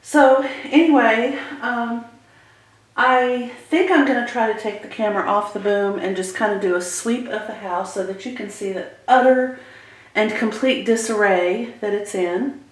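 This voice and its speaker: A woman's voice: on the high side, measured pace. A woman chatting casually and informally to her viewers in a rambling home vlog, indoors in a house. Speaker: vlogger. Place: indoors, emptied rooms of a house. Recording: echoey empty room.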